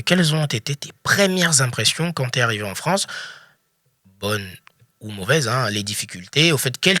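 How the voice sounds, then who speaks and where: Bright-voiced man co-hosting a student radio show. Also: mid-range voice, dry recording, clean studio sound. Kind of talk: casual radio interview.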